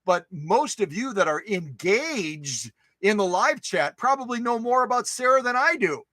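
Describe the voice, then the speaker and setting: A high, bright male voice that swings widely in pitch as he chats on a casual livestream. He greets viewers and reads their comments aloud in a playful, animated way, often repeating a phrase. The sound is dry and close, with no room echo. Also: moderate pace. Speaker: host of a sewing machine restoration channel.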